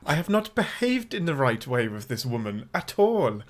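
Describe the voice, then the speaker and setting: A man's voice: mid-range voice, very animated, moderate pace, lightly acted. A man voicing a troubled Welsh construction manager in a put-on, self-admittedly shaky Welsh accent, speaking in an earnest, confessional way.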